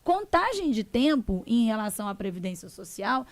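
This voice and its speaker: On a talk show, a guest who works as a social security lawyer in Brazil teaches her points in a didactic manner and voices her clients' words. She speaks at a moderate pace in a fairly high, sing-song voice, recorded dry.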